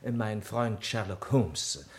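An actor playing a kindly, polite doctor in a German radio play, courteous and slightly hesitant. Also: male voice, lowish voice, lively intonation, takes it slowly, darkish tone. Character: kindly, polite English doctor, detective's loyal companion.

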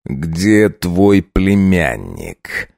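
A man voicing a cruel, menacing vampire count with a low, slow, threatening growl, audiobook style. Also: sing-song, creaky, a little mellow, dry recording, clean studio sound, full character voice.

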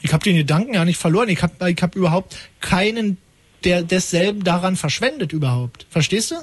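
A man's voice: high-pitched, lively intonation, fairly quick, breathy edge. A man hosting a call-in radio show, talking in an ironic, rambling, mock-pompous way. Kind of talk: late-night call-in radio banter.

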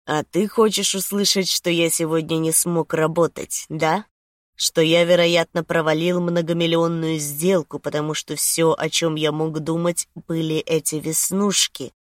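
A woman's voice: low voice, flat delivery, unhurried, no room sound, studio quality. A woman playing a smug, seductive man. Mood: teasing.

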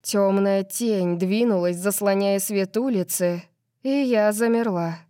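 A woman narrating a first-person fantasy audiobook in a steady, measured way. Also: mid-range voice, no room sound, studio quality.

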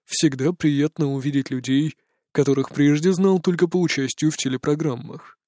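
A man reading an audiobook voices a stern middle-aged male chief of presidential security, slow, low and cold. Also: fairly even intonation, warm tone, no room sound, clean studio sound, close to an everyday voice. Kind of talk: audiobook character voice.

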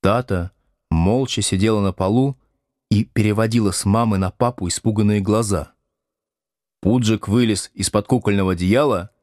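A man reading a novel aloud as an audiobook narrator, expressive and voicing the dialogue. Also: fairly low pitch, no echo, studio quality. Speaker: audiobook reader. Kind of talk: scripted narration.

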